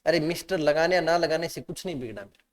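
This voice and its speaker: A man's voice: a little high, expressive, fast talker, in a large hall. A man teaching a class, asking students questions and mixing Hindi with English terms. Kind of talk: classroom lecture.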